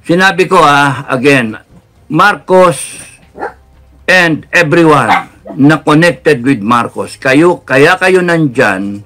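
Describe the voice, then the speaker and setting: A man with a Filipino accent giving a heated political rant, mixing Tagalog and English, swinging from loud outbursts to low, controlled intensity. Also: animated, slow. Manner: heated, swings between shouting and lowered intensity. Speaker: political commentator.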